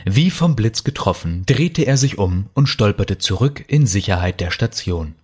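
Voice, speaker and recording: Lively low-voiced male storyteller. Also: normal speed, breathy edge. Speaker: narrator. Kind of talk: scripted audiobook narration.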